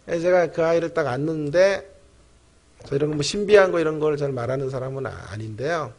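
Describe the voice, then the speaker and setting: A middle-aged man, a pastor and professor, preaching a sermon and telling a personal story with animated storytelling, speaking straight to the congregation. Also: a little high, fairly quick. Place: church sanctuary.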